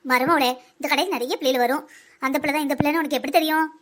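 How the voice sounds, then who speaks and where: A woman's voice: fairly even intonation, racing, a bit bright. A woman voicing a bossy, chatty older village mother-in-law in a cartoon, with a southern Tamil Nadu accent and a girlish voice. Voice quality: high, girlish voice for her age. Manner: teasing, bossy scolding. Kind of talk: village comedy cartoon dub.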